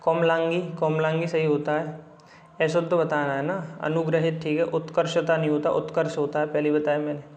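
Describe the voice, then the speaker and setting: Going through a book's questions to teach Hindi spelling for exams, this man says every word over and over, dropping casual remarks along the way. He speaks fairly quickly in a completely flat, slightly mellow, highish voice, captured in a roomy, lo-fi recording.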